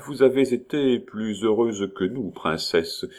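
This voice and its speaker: A polite, measured doctor in a read-aloud novel, voiced by a male reader close to his own voice. The voice is low and steady. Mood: formal. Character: middle-aged male doctor, composed and formal.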